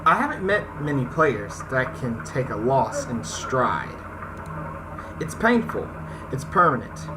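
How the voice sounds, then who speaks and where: Over video game music and background noise, a man with a fairly high voice hosts a casual let's play. He alternates between slangy commentary full of informal asides and read-aloud story narration.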